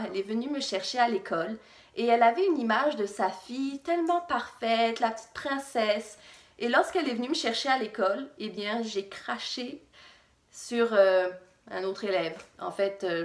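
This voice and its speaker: Speaking to camera, a young woman from Réunion shares a personal story, hesitating often in a relaxed, conversational manner; her accent mixes French with Québécois. The voice is fairly high and echoey.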